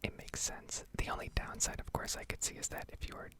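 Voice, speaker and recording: This is a home recording on a Blue Yeti desktop microphone. A woman who makes ASMR gaming videos whispers and talks very quietly, her ramble unhurried and hesitant.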